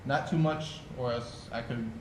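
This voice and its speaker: At a measured pace, a man with a medium-pitched, fairly even voice hosts a casual jiu-jitsu show. He moves from loose chat into a step-by-step technique demonstration, relaxed and sprinkling in fillers like "you know." The recording has room echo and background noise.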